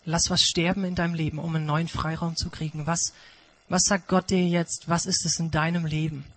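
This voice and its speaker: Husky high-voiced male preacher. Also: little pitch movement, fairly bright tone, poor audio. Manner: emphatic, dramatic retelling with pauses. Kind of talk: sermon storytelling.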